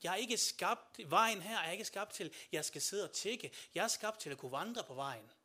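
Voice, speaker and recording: A man preaches a sermon, addressing listeners directly with questions and swinging from quiet passages to loud, rising shouts. His voice sits high with lively intonation.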